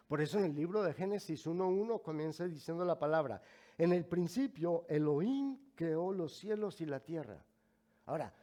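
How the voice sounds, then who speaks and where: Slow, higher-voiced Mexican pastor preaching. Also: male voice, darkish tone. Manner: slow, emphatic preaching with rising stresses and asides to the congregation. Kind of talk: sermon.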